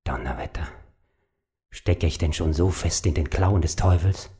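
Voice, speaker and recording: A man's voice: sits low, measured pace, warm tone, voice pushed down. A man voicing an anxious, troubled male painter who mutters tensely and broods. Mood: brooding.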